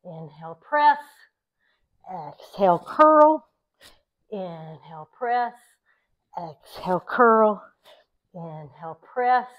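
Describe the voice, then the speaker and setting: A woman yoga instructor leading a class in calm, encouraging, short step-by-step cues timed to the breath. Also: medium pitch, takes it slowly, pauses often. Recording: dull, lo-fi sound.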